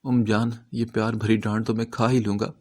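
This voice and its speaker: A man's voice: fairly low pitch, flat delivery, close to an everyday voice. A man voicing a wounded young man who jokes through the pain. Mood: joking. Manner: teasing and lighthearted.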